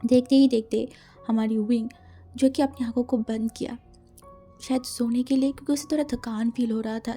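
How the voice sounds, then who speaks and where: A woman's voice: a little high, dark tone. A woman casually retelling a fan fiction story, mixing in English words and acting out the dialogue.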